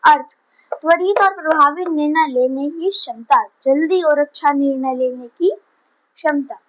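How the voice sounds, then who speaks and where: Slow, high-voiced woman teacher. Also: highs cut off, noisy background. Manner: slow, patient explaining, switching between Hindi and English. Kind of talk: vocabulary lesson.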